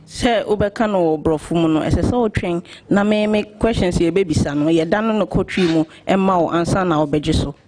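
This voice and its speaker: Man, hearing interpreter, steady relaying delivery, somewhat high voice. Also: normal speed, few pauses, slight background noise. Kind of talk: consecutive interpreting.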